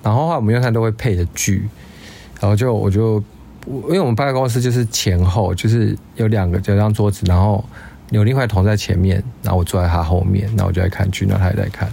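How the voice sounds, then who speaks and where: Gravelly man, rambling storyteller. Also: on the low side, quick pace, mellow, a little hiss or hum. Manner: chatty storyteller, loose and rambling. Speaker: podcast co-host. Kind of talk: casual chat.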